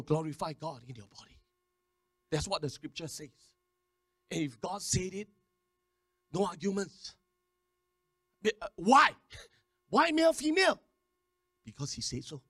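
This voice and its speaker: A man preaching a sermon, repeating words in quick stammering runs and calling on the congregation to respond. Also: sits high, bright, forceful tone, no room sound, clean studio sound. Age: 50s. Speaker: pastor.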